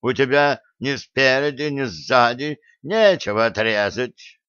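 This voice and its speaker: Cowardly house cat voiced by a man in an audiobook, whiny and panicky, middle pitch, smooth clear tone, dry slightly dull recording. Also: animated, a little slow, a bit bright, dry recording. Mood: fretful. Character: cowardly male pet cat, fretful.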